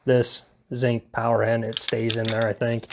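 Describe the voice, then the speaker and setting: Against a noisy background, a man with a mid-range, creaky, monotone voice talks at normal speed. He's a video presenter doing an unscripted hobby how-to at home, rambling in a laid-back, hesitant, self-deprecating way.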